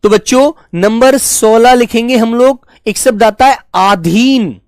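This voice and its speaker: A man teaching Hindi spelling in a live online class, patiently repeating each word slowly and fondly addressing his students as children. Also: very high voice, darkish tone, smooth, no echo, clean studio sound.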